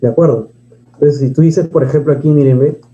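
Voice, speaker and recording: A man teaches a grammar lesson in a fairly high, very dark and mellow voice. He asks and answers his own questions and reads verses aloud. The recording sounds dull and lo-fi. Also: steady tone, fairly quick.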